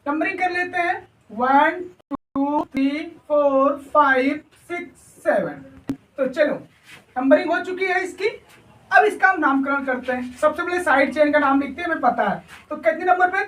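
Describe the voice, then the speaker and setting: A man teaching a chemistry lesson in a high voice, with the sound of a bare, echoing room. He is a bit far from the microphone. He poses questions to the class and answers them himself. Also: fairly bright tone. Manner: checks in often with the class. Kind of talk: classroom lecture at a whiteboard. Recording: echoey room, voice far from mic.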